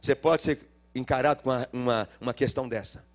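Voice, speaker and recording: A middle-aged male pastor with a Minas Gerais accent, preaching a sermon and acting out the dialogue of a story, swinging between loud cries and low murmurs. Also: fairly even intonation, quick pace. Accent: Brazilian Portuguese, Minas Gerais. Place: church.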